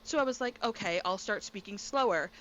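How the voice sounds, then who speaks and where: A woman co-hosting a casual podcast chat from her bedroom, talking quickly and excitably. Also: medium pitch. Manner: fast, excitable talker. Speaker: podcast co-host. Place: bedroom at home. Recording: dull lo-fi with faint noise.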